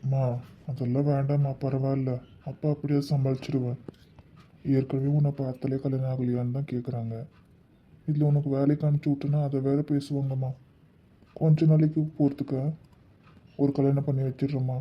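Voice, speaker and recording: A man playing a poor, humble working father in an amateur family skit, speaking earnestly and gently. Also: mid-range voice, little pitch movement, a little fast, long pauses, lightly acted. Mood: gentle. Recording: dull lo-fi recording.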